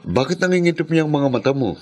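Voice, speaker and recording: An actor playing a kind, concerned middle-aged uncle who asks worried questions and gently scolds. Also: male voice, a little high, lively intonation, fast. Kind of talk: dramatized story acting.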